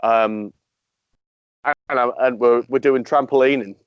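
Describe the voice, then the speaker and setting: Halting man on a muffled call. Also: mid-range voice, steady tone, clean tone, no room sound. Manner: hesitant, repeats words while recalling. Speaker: podcast host. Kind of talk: casual chat. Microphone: video call. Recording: dull dry call audio.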